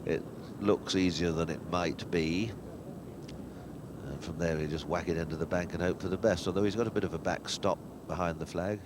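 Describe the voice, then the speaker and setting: A man's voice: sits low, fairly even intonation, normal speed. A man giving live golf commentary in a musing, conversational manner, often in short fragments. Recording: very noisy outdoor broadcast.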